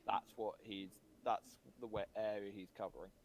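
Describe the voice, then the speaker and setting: A man's voice: on the low side, flat delivery, moderate pace, slight background noise. A man running a tabletop game as game master, rambling and restarting his sentences, with casual swearing.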